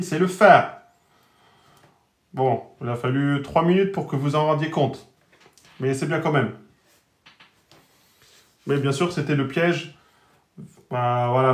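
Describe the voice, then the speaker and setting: A man teaching Arabic letters in a live online lesson, spelling out each letter and vowel and repeating every word slowly. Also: fairly high pitch, roomy sound. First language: French speaker teaching Arabic.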